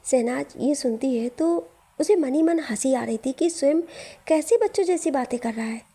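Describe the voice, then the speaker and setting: A woman telling a romantic story in steady, dramatic scripted narration. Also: sits high, normal speed.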